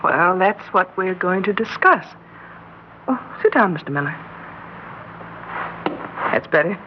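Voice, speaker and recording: On a muffled, hissy old-time radio recording, a woman plays a precocious schoolgirl plotting revolution, faking giddy innocence while staying coolly superior. She swings between gushing girlishness and precise, condescending diction, her fairly low voice lively in intonation at a measured pace.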